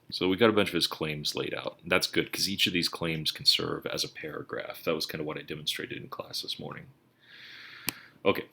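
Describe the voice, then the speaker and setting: A man's voice: deep voice, vocal fry, bright, forceful tone, slight background noise. A man teaching writing in a screencast lecture, thinking aloud as he types and correcting himself casually. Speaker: writing instructor. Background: keyboard typing and clicks.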